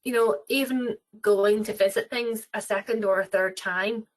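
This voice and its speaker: A woman's voice: medium pitch, fairly even intonation, normal speed, low-quality recording. A woman with an Irish accent, talking about cruises in a webinar interview, rambling with many fillers and restarts. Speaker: travel company representative.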